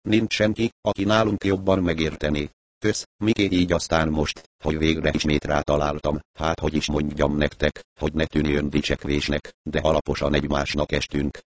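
A remorseful middle-aged gang boss, as a man reads him aloud, heavy and pompous in his grief. He speaks a notch higher than the low reading voice around him, in a dry, close recording. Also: level tone, no room sound. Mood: grieving.

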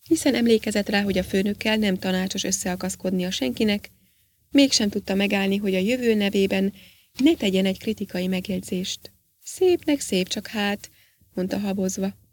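A woman reads a story aloud in a steady, unhurried narrating voice. Her tone has a gravelly grain, at a middle pitch for a woman. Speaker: reader. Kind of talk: audiobook narration.

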